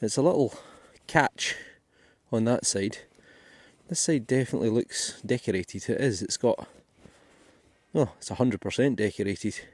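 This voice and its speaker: A man's voice: medium pitch, measured pace. A Scottish man giving chatty, thinking-aloud commentary as he digs finds in a field for his metal detecting vlog. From Scotland. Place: outdoors in a field.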